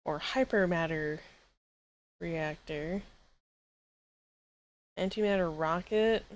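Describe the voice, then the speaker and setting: A woman streamer giving casual gaming commentary, swearing freely and reacting with excitable disbelief. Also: fairly low pitch, slow, muffled recording.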